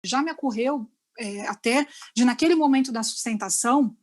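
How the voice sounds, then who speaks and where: A woman's voice: a little high, normal speed, darkish tone. A woman with a Brazilian accent giving an online lecture to lawyers, explaining step by step and often checking in with her listeners over a video call. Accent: Brazilian Portuguese.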